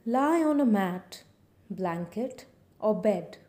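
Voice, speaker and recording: Very slow, soft breathy woman guiding relaxation. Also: medium pitch, animated. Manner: slow, soothing, with long pauses between short phrases. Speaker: guided relaxation instructor. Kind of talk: scripted guided body-relaxation meditation.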